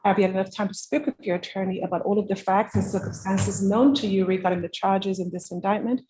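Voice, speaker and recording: A woman's voice: mid-range voice, steady tone, fast talker, mellow, slight background noise, poor audio. Woman reading formal court oath questions. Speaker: court clerk.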